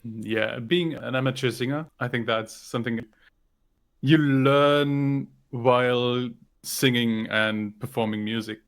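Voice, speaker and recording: A man's voice: medium pitch, slow pace. A man whose first language is German, co-hosting a podcast and chatting thoughtfully with some hesitation. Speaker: podcast co-host. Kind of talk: casual podcast chat.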